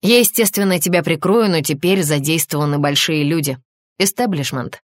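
An anxious male police boss, grumbling and exasperated, his voice pushed up louder than the narration, as a woman narrator puts him on. The audiobook sound is dry and close. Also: low-pitched, moderate pace, no room sound.

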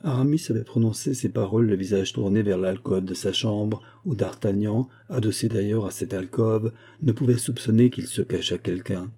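A male narrator reading a classic novel aloud at a measured, steady pace. His voice sits low, with a very dark, mellow tone and a husky, slightly breathy grain. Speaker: audiobook narrator. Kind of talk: scripted narration.

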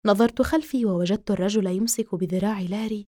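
A woman narrating a horror novel in the first person as an audiobook, in a steady, measured reading. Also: medium pitch, no echo, clean studio sound.

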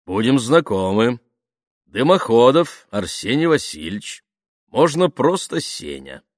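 Pompous crooning actor, read by a man, slow and drawn-out, dry close sound. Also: medium pitch, very animated, no echo, pitched above the performer's own voice. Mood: theatrical. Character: vain smooth middle-aged actor, theatrical baritone.

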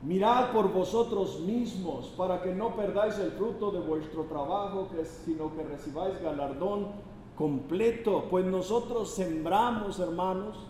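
A man's voice: high voice, a little slow, a little mellow, far from the mic. A man preaching a sermon with emphatic delivery and rhetorical questions. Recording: echoey hall, faint background noise.

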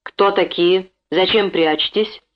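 A woman doing a gruff, bossy bandit. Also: low-pitched, very animated, a little fast, pitched below the performer's own voice. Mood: commanding. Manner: commanding, barking orders. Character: gruff dark-faced male bandit in a long greatcoat. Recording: dull lo-fi recording.

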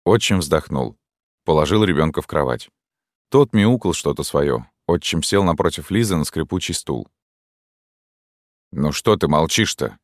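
A man narrating an audiobook in a steady, measured way. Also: extremely low pitch, dry recording, studio quality.

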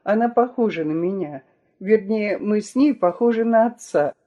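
A man with a fairly high voice reads letters aloud on a broadcast. His delivery is measured and steady. The tone of his voice is dark and mellow rather than bright. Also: highs cut off.

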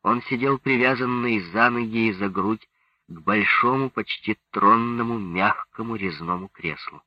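A man narrates a book in a slow, even manner. His voice is husky and on the low side. The recording is dry and dull, as on a lo-fi audiobook. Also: dry recording. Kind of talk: scripted narration.

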